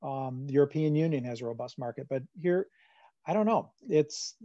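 A man's voice: medium pitch, lively intonation, normal speed, dark tone, no echo. A man answering audience questions about farm finances in a webinar, talking conversationally with many fillers and restarts over a video call. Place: home room on a video call. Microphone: computer microphone on a video call. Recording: dull lo-fi video call audio.

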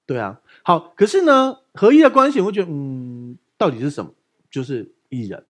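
A man's voice: a little high, normal speed. A man with a Taiwanese Mandarin accent preaching a casual, joking sermon as pastor, often asking the listeners questions. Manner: joking, animated, asks listeners rhetorical questions.

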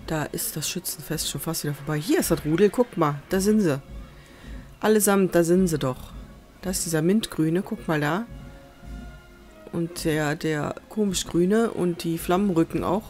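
A woman's voice: lowish voice, normal speed, darkish tone, soft background music. A woman giving casual let's play commentary, chatting to viewers and muttering to the animals she tames, on a USB desk microphone at home. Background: faint festival noise from outside.

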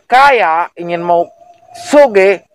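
A man confronting visitors gruffly as a gatekeeper guarding his turf. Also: high voice, animated, very slow, slight background noise, poor audio. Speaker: gatekeeper at a ritual place. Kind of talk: heated argument.

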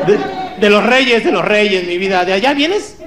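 A man with a Mexican accent doing live stand-up comedy, teasing the audience and breaking into shouted impressions. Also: high voice, very animated, unhurried. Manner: rowdy, teasing crowd work, bursts of shouted impressions. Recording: live show with loud crowd and noise. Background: loud audience laughter.

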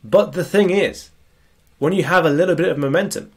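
A productivity coach with a cold, his voice a little high, husky, and sniffly, lectures at normal speed while sharing slides on screen. He keeps things casual and conversational, often tossing in a "right?" to check in.

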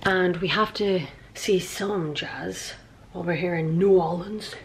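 Holding the camera at arm's length, a woman vlogging her travels talks informally and with lots of emphasis and expression. Her voice is fairly low and creaky, her pace unhurried. Street and room noise fill the background of the noisy handheld recording.

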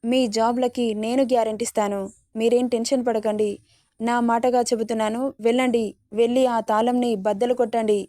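A woman's voice: fairly high pitch, little pitch movement, moderate pace, dark tone, dry recording, clean studio sound, close to an everyday voice. A woman voicing a stern but tender wealthy old grandmother in a read-aloud story, giving orders and comforting by turns. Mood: commanding. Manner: commanding, then soothing.

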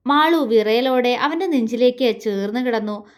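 A woman reading a romance story aloud, narrating in a soft, steady way. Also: a little high, moderate pace.

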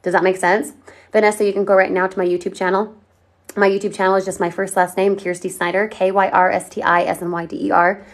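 An upbeat woman hosting a casual livestream, speaking straight to her viewers. She pitches with energy and persuasion and answers questions from the chat as she goes. Her voice sits at an ordinary middle pitch for a woman. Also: level tone, quick pace. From Colorado, USA. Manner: upbeat, persuasive, talks straight to viewers and reads their comments. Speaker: online marketing livestream host.

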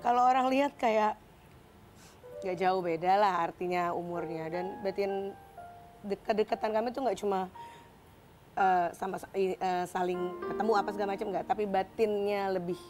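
A woman speaking as a guest on a television talk show, earnest and emotional, with halting phrases. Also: medium pitch, darkish tone, soft background music. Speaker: guest, sister of the accused.

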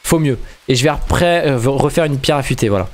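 A young man hosting a video game playthrough in casual commentary, excitable and stumbling over his words. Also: medium pitch, brisk. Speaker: gaming video host. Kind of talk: casual let's-play commentary.

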